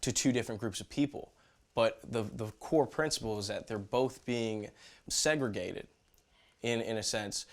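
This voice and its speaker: A young adult man with a fairly low voice talks at normal speed. He's a photographer interviewing his great-aunt, speaking reflectively in a thoughtful, slightly hesitant way.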